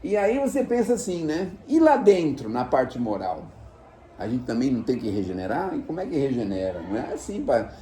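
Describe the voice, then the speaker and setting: A man giving an informal spiritual lecture to a live audience, animated and folksy. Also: mid-range voice, fairly quick, slight background noise. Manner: animated, folksy, uses diminutives and acted asides.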